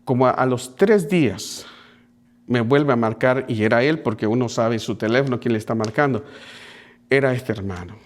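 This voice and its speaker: A man's voice: mid-range voice, moderate pace. A man preaching as a pastor, telling a story earnestly to his congregation and calling them brothers. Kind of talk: sermon storytelling.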